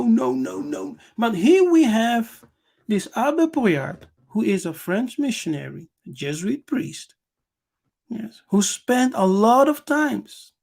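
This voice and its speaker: A man's voice: very high voice, creaky, darkish tone. A man from Angola hosting a lecture, reading passages aloud and commenting on them. He talks emphatically, repeating words and often adding "yes". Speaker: channel host.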